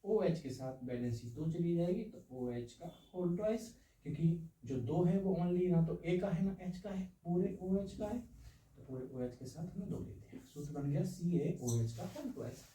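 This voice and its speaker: A man teaches a science lesson with homely, playful comparisons and keeps asking whether the students follow. His voice is very dark and mellow and sits a little high for a man. He is heard from some distance in an echoey room. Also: normal speed.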